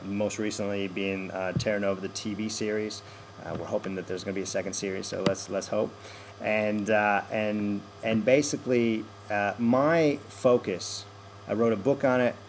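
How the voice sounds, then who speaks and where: A man's voice: on the low side, noisy background. An American man working as a dialect coach, explaining accent stress with many fillers and restarts. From United States. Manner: demonstrates sentence stress by example. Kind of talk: direct-to-camera introduction.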